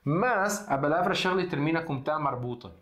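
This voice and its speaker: A man's voice: on the high side, animated, normal speed, a bit bright. Man teaching in a roomy echo. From Syria. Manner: patient, repeats words and checks in with "né?". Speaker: Arabic teacher. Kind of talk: casual language lesson.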